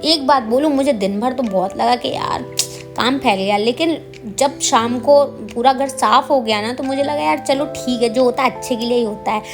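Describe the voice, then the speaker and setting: A woman's voice: on the high side, normal speed, over music. A woman vlogger narrating her day in a chatty, self-mocking voice-over, speaking straight to her viewers. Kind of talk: casual vlog voice-over.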